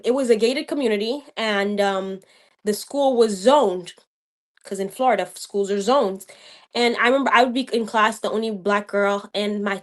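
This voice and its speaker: A woman's voice: a little high, a bit bright. A young adult woman from the United States, a guest in a casual live-stream chat, talking animatedly and switching between Haitian Creole and English.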